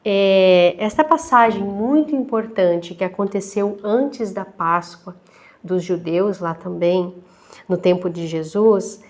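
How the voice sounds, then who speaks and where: Slow, reflective woman deacon. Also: mid-range voice, dull audio. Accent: Brazilian Portuguese. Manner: slow, thoughtful, with frequent "né?" tags. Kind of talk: Bible study reflection.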